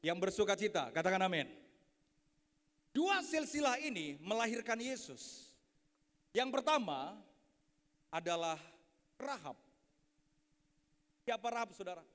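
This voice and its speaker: A man in his thirties preaches with animated humor, telling family stories and calling out to the audience. His voice sits very high for a man. A long reverb from a large hall trails every phrase. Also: unhurried, pauses often. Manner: animated and joking, addressing the audience as sir. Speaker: pastor. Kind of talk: lively sermon with storytelling. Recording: echoey hall.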